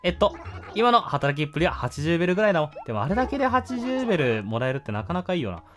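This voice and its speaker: A man's voice: a little high, sing-song, very fast, faint music behind, pitched above the performer's own voice. A man voicing a chatty, bossy but kind raccoon shopkeeper in a sing-song way. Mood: coaxing.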